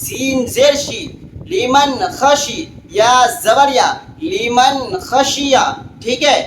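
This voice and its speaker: A man teaching Quran reading, spelling each word out letter by letter and reciting it slowly. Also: extremely high pitch, fairly bright tone. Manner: slow drawn-out recitation between quick explanations. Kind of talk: spelling out Quranic words for learners. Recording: echoey room with faint background hiss.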